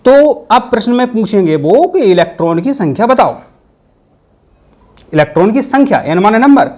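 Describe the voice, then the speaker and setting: A man's voice: high-pitched, very animated, normal speed, a little mellow. A man teaching a physics exam-prep lesson, playful and full of repeated mnemonics. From India.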